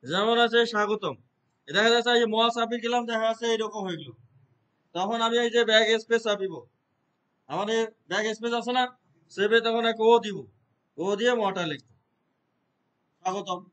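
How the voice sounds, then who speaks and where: This man teaches a computer class in a very high voice. He walks through each step slowly and keeps stopping to check that the class is following along. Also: a bit bright, dull audio. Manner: explains step by step, checks understanding with repeated questions. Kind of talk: classroom lesson.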